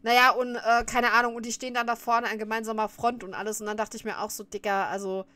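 A woman's voice: a little high, flat delivery, fast talker, pushed and bright. A woman streamer chatting casually while reacting to a clip, often laughing and scolding her viewers.

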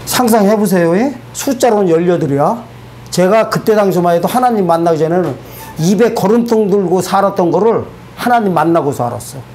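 Animated man giving church testimony. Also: sits high, fairly quick. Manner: animated and colloquial, asks the audience rhetorical questions. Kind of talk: spoken testimony to a congregation.

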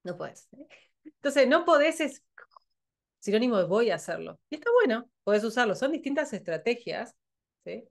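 Argentine lady coaching sales people, blunt and pushy, kinda high voice, rioplatense accent. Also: very animated, moderate pace, gravelly, pauses often. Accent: Rioplatense Spanish. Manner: blunt, provocative, laughs often. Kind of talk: motivational talk.

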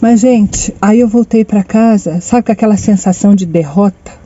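Dark-voiced middle-aged woman vlogging. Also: mid-range voice, normal speed, husky, highs cut off. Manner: chatty, repeats phrases, addresses viewers fondly. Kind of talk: personal storytelling to camera. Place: inside a parked car in the sun. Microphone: phone camera.

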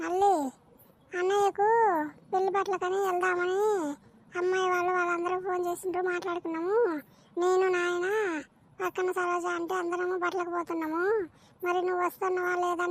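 A woman's voice: extremely high pitch, fairly bright tone. A woman voicing a fussy, scolding village mother in a cartoon. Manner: nagging, fretful, quick scolding. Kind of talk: cartoon voice acting.

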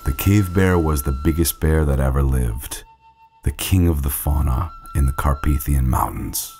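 Very deep male nature documentary narrator. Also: normal speed, a little mellow, soft background music.

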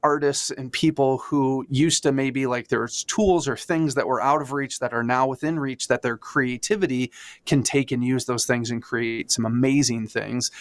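A man's voice: medium pitch, no room sound. Middle-aged guy on a podcast video call, chatty, says like a lot, dry close sound. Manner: chatty, fillers like "like" and "um", enthusiastic. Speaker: church designer guest. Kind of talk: casual podcast interview answer. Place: home studio room. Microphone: studio mic on a video call.

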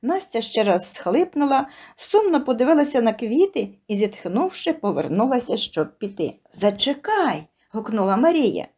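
Expressive woman narrating a tender story. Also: fairly high pitch, moderate pace, hardly any pauses, husky.

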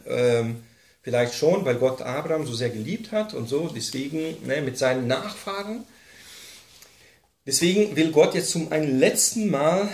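Man teaching a Bible class, echoey room. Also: mid-range voice. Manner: explains step by step with many fillers and tag questions.

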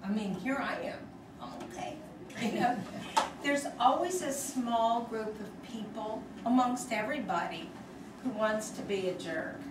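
A woman's voice: on the high side, unhurried, noisy background. A woman giving an earnest, reflective personal testimony to an audience. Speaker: speaker sharing her story. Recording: echoey hall, mic from far off.

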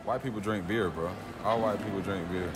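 A man's voice: low voice, brisk, loud music behind the voice. A young man answering street interview questions, blunt and matter-of-fact.

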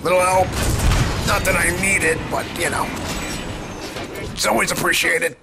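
A man's voice: sits high, fairly even intonation, moderate pace, creaky. A man giving casual, playful gameplay commentary, muttering to himself with mock-villain boasts. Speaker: gaming YouTuber. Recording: game music under the voice. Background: video game music and action.

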